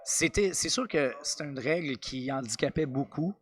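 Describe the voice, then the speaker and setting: Quebec french dude co-commentating fights, voice a bit on the high side. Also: male voice, lively intonation, moderate pace. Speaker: combat sports co-commentator. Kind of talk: live grappling commentary.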